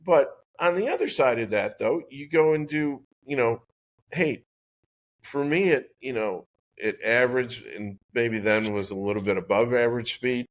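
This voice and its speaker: A man's voice: medium pitch, normal speed. A man in his sixties, a guest on a podcast, telling a long rambling anecdote with lots of restarts. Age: 60s. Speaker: guest, golf club designer. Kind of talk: conversational storytelling.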